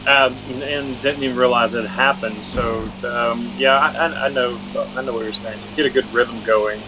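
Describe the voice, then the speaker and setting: A man from Cincinnati chatting casually about sim racing in a relaxed, rambling way. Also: mid-range voice, normal speed, background noise. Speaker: fellow sim racer. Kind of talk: casual chat.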